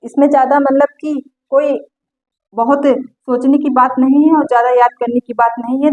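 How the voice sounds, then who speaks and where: A woman with a high voice teaching a class, talking patiently and saying each example more than once. She moves through the lesson step by step, often slowing down to point things out. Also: mellow, rough recording.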